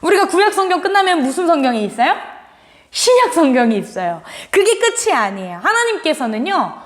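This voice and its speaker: A woman preaching to children in a high, lively voice that swoops up and down. She tells the story with animated expression, and her voice carries a long hall reverb. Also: fairly quick. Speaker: children's pastor. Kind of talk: children's sermon.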